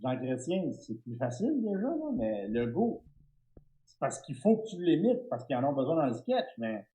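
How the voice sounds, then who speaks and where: A middle-aged man with a Québécois French accent, a guest telling stories in an interview, animated and stumbling over restarts. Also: fairly high pitch, moderate pace, poor audio. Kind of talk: storytelling interview.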